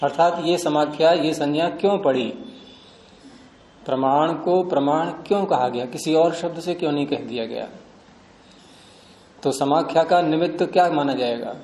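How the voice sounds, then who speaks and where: A man lectures a class in a patient, explanatory way, asking questions and then answering them himself. His voice sits a little high but sounds mellow. The room gives it a noticeable echo. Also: moderate pace. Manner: patient, repeats and rephrases terms, asks and answers his own questions. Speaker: teacher of Sanskrit philosophy. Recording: echoey room.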